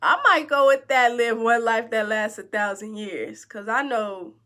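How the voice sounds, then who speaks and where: A woman, casually answering a list of questions, relaxed and slangy with many ums. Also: fairly high pitch, unhurried. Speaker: host.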